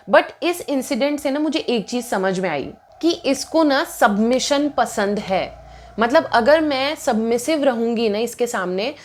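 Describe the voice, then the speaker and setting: Sounding lively and indignant, a young woman in her twenties narrates a personal story in casual vlogger storytime style. Her slightly high voice flips from Hindi to English mid-sentence as she chats loosely.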